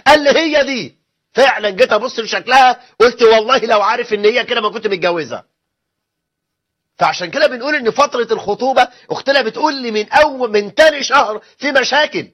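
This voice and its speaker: Animated Egyptian preacher, husky voice. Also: male voice, high voice. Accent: Egyptian Arabic. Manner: animated, acts out dialogue with shifting voices. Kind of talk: sermon. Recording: dull lo-fi recording.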